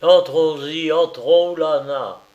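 A man's voice: a little high, expressive, moderate pace, dull audio, voice pushed up, close to an everyday voice. A man reading aloud as an insistent, hot-tempered young nobleman. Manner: forceful, pressing. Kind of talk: audiobook character reading.

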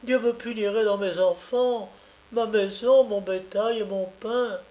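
A man's voice: high-pitched, fairly even intonation, measured pace, darkish tone, muffled recording, voice pushed up. A man reading aloud as a poor peasant mother, tearful, pleading and indignant. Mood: frantic refusal. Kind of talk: audiobook character reading.

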